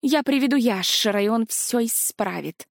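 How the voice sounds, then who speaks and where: A woman's voice: fairly high pitch, expressive, moderate pace, vocal fry, dry recording. A woman voicing a fussy, motherly ghostly dragoness guardian who scolds and dotes, in a dry, close storybook reading. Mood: doting. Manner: strict then doting, scolding.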